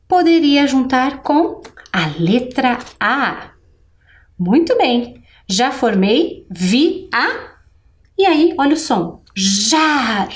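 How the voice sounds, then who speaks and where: A Brazilian woman teaching adult learners on television, patient and clear as she sounds out each syllable. Her voice sits a little high and swoops widely in pitch. She speaks slowly. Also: a little mellow. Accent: Brazilian Portuguese. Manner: slow, patient, enunciating syllables.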